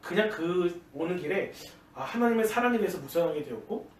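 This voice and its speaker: A man's voice: high-pitched, lively intonation, brisk. A man, a junior pastor, preaching a dawn-service sermon in earnest personal storytelling. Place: church sanctuary. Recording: echoey church, distant mic, faint hiss.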